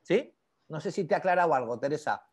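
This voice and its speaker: A man teaching an online class on e-commerce, conversational and animated, constantly checking in with his students. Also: a little high, quick pace, slightly rough. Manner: conversational, peppers speech with "¿vale?"; animated, lively explanations with asides to students. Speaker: e-commerce instructor.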